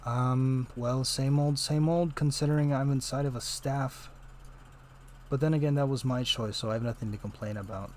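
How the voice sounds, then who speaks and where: A man voicing a sardonic spirit trapped inside a staff, with a dry, teasing, deadpan manner. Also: medium pitch, normal speed, a little hiss or hum, natural voice. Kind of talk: tabletop role-play voice.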